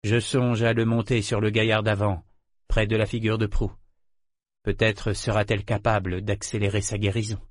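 A man's voice: lowish voice, flat delivery, normal speed, no echo, clean studio sound, lightly acted. A man reading a novel aloud voices a curt, commanding ship captain who speaks with impatience. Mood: brooding. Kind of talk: audiobook character voice.

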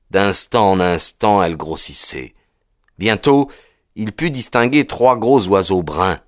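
Deep-voiced man narrating an audiobook. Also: no room sound, clean studio sound. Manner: measured, dramatic storytelling.

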